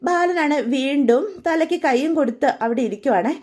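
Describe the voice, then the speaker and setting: A woman narrates a serial in a relaxed, conversational way, her voice sitting high. She slips in and out of the characters' lines with lively shifts in pitch and loudness. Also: moderate pace. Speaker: storyteller retelling a serial. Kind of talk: casual spoken story retelling.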